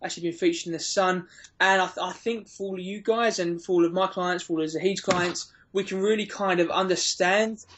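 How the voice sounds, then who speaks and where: A man's voice: high-pitched, steady tone, brisk, a bit bright, a little hiss or hum. A man, a fitness coach, hosting a casual interview in a friendly, joking way.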